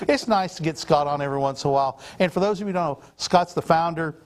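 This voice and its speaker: A man's voice: a little high, fast. A man hosting a casual sales livestream, upbeat and rambling with frequent fillers. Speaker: livestream host.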